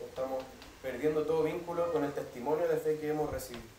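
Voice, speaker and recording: A man's voice: fairly high pitch, quick pace, warm tone, a little hiss or hum. A male pastor giving a teaching sermon in a church, explaining step by step and often checking with the congregation whether they follow. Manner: explanatory, keeps asking "¿cierto?" to the congregation. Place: church hall. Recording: echoey hall, mic at a distance.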